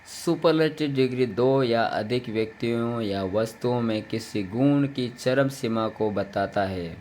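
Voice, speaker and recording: A man talks through a grammar lesson in a patient, step-by-step way, repeating each point with translations. His pitch sits in the middle range. A faint hum of noise runs under the recording. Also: a little slow, a little mellow. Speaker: English teacher.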